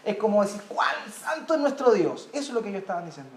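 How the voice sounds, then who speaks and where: A man's voice: high-pitched, big pitch swings, fast talker, echoey room. A man preaching a sermon in a Chilean Spanish accent, emphatic, repeating key words and checking in with the congregation. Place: church.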